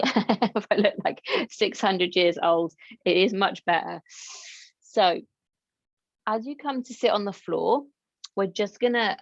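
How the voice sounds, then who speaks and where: A woman yoga teacher from England guiding a class with gentle, encouraging instructions and chatty asides. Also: medium pitch, dry recording, lo-fi sound.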